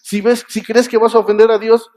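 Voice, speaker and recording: A man's voice: high voice, little pitch movement, fairly quick, darkish tone. A man with a Mexican Spanish accent preaching a Sunday sermon in a church, talking conversationally, often restarting words and asking the congregation whether they agree.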